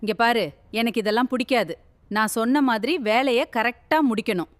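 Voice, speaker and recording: A woman's voice: on the high side, fairly quick, no room sound, lightly acted. A woman playing a bossy household mother. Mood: lecturing. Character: strict mother of the household giving orders. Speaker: actor in a family drama. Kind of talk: home-made family drama acting.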